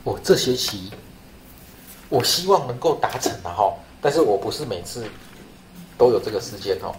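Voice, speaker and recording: A man lectures in with a chatty, repetitive way of talking, checking in with "right?" again and again. His voice sits at an ordinary pitch and sounds roomy, with a faint hiss behind it. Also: lively intonation, moderate pace. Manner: chatty, repeats himself, asks "right?". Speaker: statistics lecturer. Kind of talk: classroom screen-share lesson. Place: classroom.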